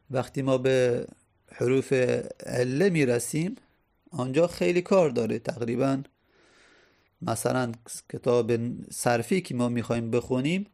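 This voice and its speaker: A man's voice: mid-range voice, creaky, a little mellow. A male teacher explaining grammar step by step. He repeats key phrases and sounds out vowels to demonstrate. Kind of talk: Arabic grammar lesson.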